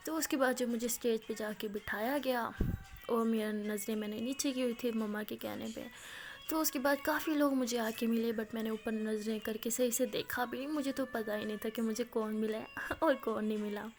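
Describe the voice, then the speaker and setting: A young woman telling a first-person story in a chatty way, laughing often and acting out what others said. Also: a little high. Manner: chatty, laughs often, mixes English words.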